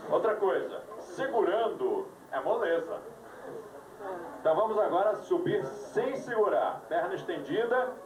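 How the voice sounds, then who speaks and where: A man's voice: high voice, expressive, unhurried, noisy background. A man leading a live yoga class, giving instructions with dry jokes, heard on an old VHS tape recording. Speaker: yoga teacher. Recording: echoey room, voice from far off, music behind, old VHS tape.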